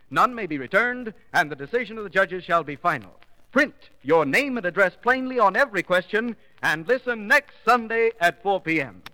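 A male announcer on an old 1940s radio broadcast, his voice high and sharply bright. He gives a formal, emphatic sales pitch, and a long hall-like reverb hangs around every phrase. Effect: old 1940s radio broadcast recording.

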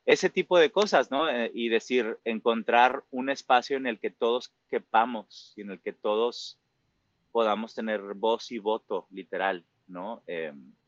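This is a Mexican man in his forties, a musical theater performer with a Mexican Spanish accent, speaking reflectively in casual interview talk packed with fillers and tag questions. His mid-range voice moves at a measured pace, and the muffled recording has no room sound.

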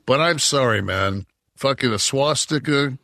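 A Detroit man in his sixties co-hosts a podcast, chatting casually in a heated, profane, rambling way. His medium-pitched voice is gravelly, pushed and bright, a little slow, with clean studio sound and no echo.

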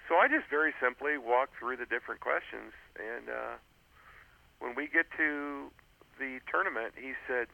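A mid-range male voice with vocal fry, pushed and bright, comes through a dry, tinny phone line at a moderate pace with no room sound. He's an author on a radio interview, telling a story sincerely amid many "uh"s and false starts.

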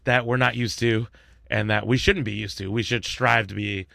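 A man's voice: fairly low pitch, fairly even intonation, moderate pace, gravelly, bright, forceful tone, dry recording, clean studio sound. A man co-hosting a podcast in casual, loose, joking banter with some swearing. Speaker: podcast co-host.

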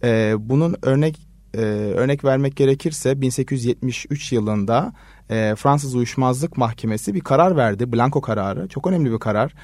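A man who is a legal scholar answers interview questions at an unhurried, measured pace, stopping often to hesitate mid-sentence. His voice sits at a middle pitch. The recording is dry and close. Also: a little mellow, dry recording. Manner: measured, frequent hesitation fillers. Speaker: law research assistant, guest expert. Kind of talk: explanatory radio interview answers.

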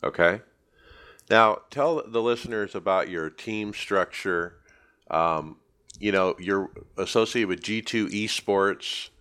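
A man's voice: lowish voice, takes it slowly, fairly bright tone, clean tone. A man hosting a racing podcast, asking loose conversational questions. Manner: conversational, leading questions with fillers. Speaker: podcast host. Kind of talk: interview questions.

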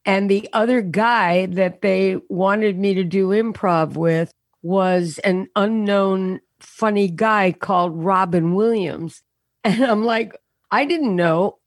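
A female comedian guest tells self-mocking stories with quick punchlines in a casual interview over a remote call on unstable internet. Her voice is deeper than usual, worn out from a show and rehearsals, and the audio is studio quality with no room sound.

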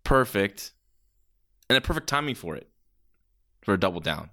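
A man's voice: fairly low pitch, sing-song, normal speed, bright, forceful tone. A man doing casual play-by-play as a wrestling commentator, reacting with exclamations and the odd swear word.

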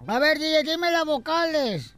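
A man's voice: very high voice, measured pace, soft background music. A man hosting a radio show, telling jokes and acting out the characters in them. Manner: animated, acts out joke characters with shifting voices.

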